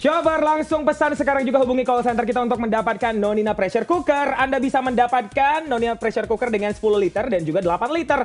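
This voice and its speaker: A man with an Indonesian accent giving an emphatic, persuasive infomercial sales pitch straight to viewers as a shopping co-host. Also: fast talker, hardly any pauses, soft background music.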